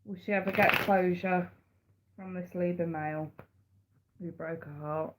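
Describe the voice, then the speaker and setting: Heavy background noise surrounds a tarot reader's fairly low, steady voice as she talks a little slowly. Stuffed up with a cold, she chats on her live stream, repeating words and addressing viewers as sweetheart and darling.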